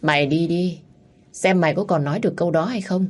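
A woman's voice: on the low side, fairly quick, close to an everyday voice. A woman voicing a stern gangster father. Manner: commanding, scolding.

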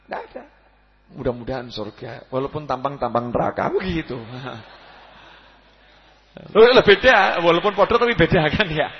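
Man preaching, high voice, lively storytelling, dull recording with long hall reverb. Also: moderate pace, long pauses, slight background noise. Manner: lively storytelling, acts out quoted prayers and voices, asks the audience questions. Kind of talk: sermon.

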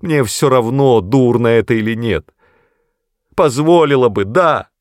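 A distraught young woman, shrill and tearful, her voice breaking into cries, as a low-voiced male narrator puts her on. It is a storybook reading, close and dry. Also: measured pace, a little mellow, dry recording, natural voice. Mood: anguished.

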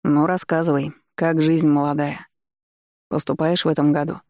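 A woman's voice: deep voice, little pitch movement, normal speed, warm tone, no echo, clean studio sound. A woman doing a cocky teasing young man. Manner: teasing, provoking.

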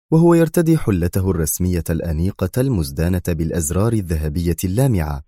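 A man narrating a story in expressive, scripted narration. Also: deep voice, no room sound, clean studio sound. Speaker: audiobook narrator.

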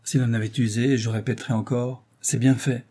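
A man voicing a gossipy, blunt middle-aged housewife in an audiobook, speaking in sharp, indignant exclamations. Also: mid-range voice, flat delivery, brisk, close to an everyday voice. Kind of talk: audiobook character reading.

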